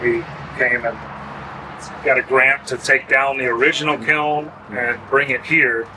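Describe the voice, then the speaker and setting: A man who grew up with pottery, explaining in a relaxed, easygoing way and laughing easily. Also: medium pitch, unhurried, noisy background. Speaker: potter and kiln site host. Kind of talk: casual interview. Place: outdoors at a kiln festival. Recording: outdoor festival with crowd behind.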